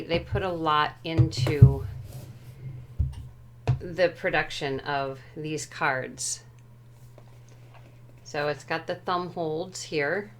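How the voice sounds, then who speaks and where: A woman speaks in a lowish, unhurried voice as she walks through a tarot deck at home. She is careful and tentative and often hedges on how a word translates. Her pace stays slow and deliberate throughout. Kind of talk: unhurried show-and-tell walkthrough.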